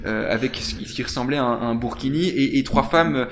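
A man's voice: medium pitch, brisk, background noise. A young man answering a political interview earnestly, with frequent restarts, at a studio desk microphone. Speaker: political candidate. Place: small TV studio.

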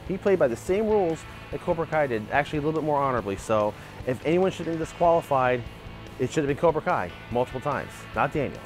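A man in his forties hosts a martial arts channel, arguing his case in lively, animated commentary. He's recorded outdoors in a backyard on a clip-on lapel mic. His voice sits at a middle pitch, with faint music underneath. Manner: animated, gestures a lot while arguing a point. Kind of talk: opinionated video commentary. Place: outdoor backyard by a wooden fence.

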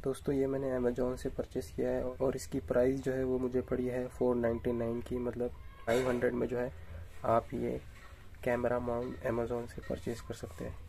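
Flat, gravelly man explaining an unboxing. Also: medium pitch, moderate pace, a little hiss or hum. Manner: steady explanatory, frequent address to viewers. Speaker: unboxing vlogger. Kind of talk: casual unboxing tutorial. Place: indoors at home, camera over tabletop.

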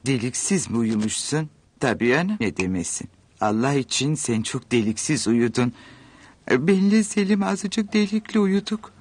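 A man's voice: medium pitch, expressive, moderate pace, a little mellow, slightly rough, no room sound. A man playing a middle-aged mother in a television sitcom, exclamatory, sarcastic and dramatic. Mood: dry sarcasm.

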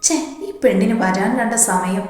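A woman's voice: mid-range voice, steady tone, unhurried, a little mellow, close to an everyday voice. A woman voicing a possessive, lovestruck young man who speaks firmly, in a storybook reading. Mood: teasing. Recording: very echoey room.

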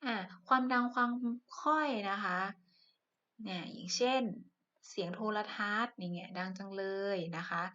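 A woman's voice: mid-range voice, normal speed, pushed and bright. A woman teacher giving a science lesson to primary pupils, speaking patiently with polite phrase endings and frequent fillers. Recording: muffled lo-fi recording.

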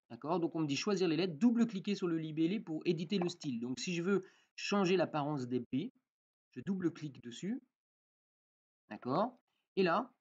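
A man walking through a software tutorial in a casual way, with many fillers and frequent "d'accord?" check-ins. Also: fairly high pitch, muffled recording. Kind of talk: screen-recorded software tutorial.

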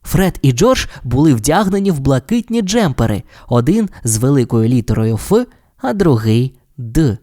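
An expressive audiobook narrator reading a children's story aloud. The voice has a middle pitch and rises and falls in a lively way. It keeps a steady storytelling flow. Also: normal speed, few pauses, no echo, clean studio sound.

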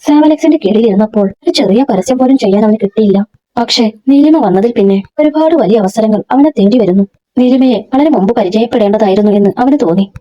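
Woman storyteller, steady story narration, fairly high voice, mellow tone, dull lo-fi sound. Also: a little fast. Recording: dull lo-fi recording.

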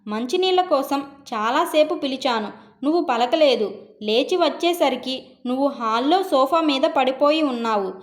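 Woman reading as a sorry old husband in a story, high voice, begging forgiveness. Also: reverberant, lightly acted. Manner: tearful, pleading, apologetic. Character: remorseful older husband pleading for forgiveness. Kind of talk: storytelling narration.

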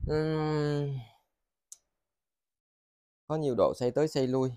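Southern Vietnamese man, halting casual sales patter. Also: fairly high pitch, steady tone, warm tone, clean tone, no echo, clean studio sound. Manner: halting, repeats words and phrases. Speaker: seller of used motors and machine parts. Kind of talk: casual, rambling sales vlog. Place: indoors in a cluttered tiled storeroom.

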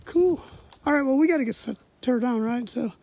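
A woman's voice: a little high, a little fast, dark tone. A woman hosting a casual hiking vlog outdoors at a snowy winter campsite, chatty and upbeat. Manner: upbeat, chatty, laughs easily. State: a little out of breath at times. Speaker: vlogger, host of the hiking channel.

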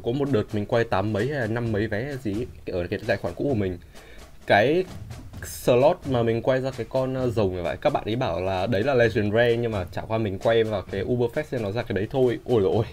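A male gamer with a mid-range voice chats casually as he does his game pulls, yelling out loudly in surprise whenever results are good. There is slight background noise.

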